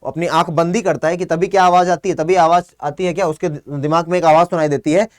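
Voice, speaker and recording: A young man teaching English for an exam, reading a passage slowly aloud and then explaining it while quizzing the class. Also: a little high, fairly even intonation, no room sound, clean studio sound.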